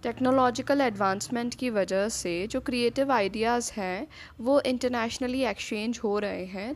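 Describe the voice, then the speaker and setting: A woman with an Indian accent giving a steady, explanatory law lecture over slides, reading the English headings slowly. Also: a little high. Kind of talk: slide-based lecture narration.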